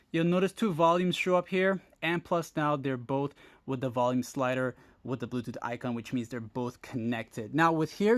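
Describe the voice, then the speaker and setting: On his phone tech tutorial channel, a man guides viewers step by step, keeping it informal and addressing them directly. His voice is on the high side and the recording has no echo.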